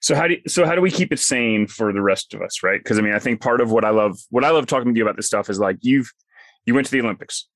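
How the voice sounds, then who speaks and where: A man's voice: medium pitch, lively intonation, quick pace, a bit bright, no room sound. A man hosting a casual, chatty podcast, recorded sitting inside a small home closet used as a soundproof booth. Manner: informal, chatty. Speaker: podcast host, company co-founder.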